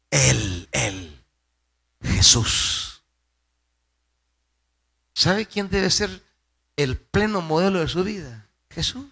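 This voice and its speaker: A pastor from El Salvador with a Salvadoran accent delivers a slow, drawn-out sermon. His gravelly, bright voice swings widely in pitch, and he repeats key phrases for emphasis. He moves from hushed asides to loud declarations. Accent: Salvadoran Spanish.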